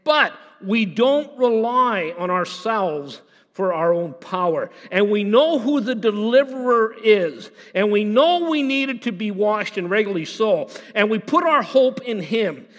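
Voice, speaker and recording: A high-voiced man preaches with lively, swinging intonation, often stumbling over and repeating his words. His voice rings out with a long reverb, as in a church sanctuary. He shifts between urgent emphasis and hushed, intense passages. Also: unhurried. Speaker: pastor. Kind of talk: sermon.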